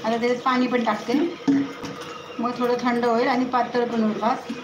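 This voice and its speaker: A woman's voice: fairly high pitch, level tone, moderate pace, muffled recording. A woman chatting at home in a casual vlog, coaxing and scolding her pets. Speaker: home vlogger. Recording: echoey room with loud background noise.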